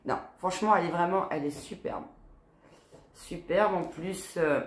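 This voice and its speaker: A tired woman in her forties, nose blocked, chats casually to camera while unboxing a beauty box, tagging her sentences with "quoi" and "hein." Her fairly low voice is nasal, congested and smoker-rough rather than soft, at a moderate pace, in an echoey, roomy space.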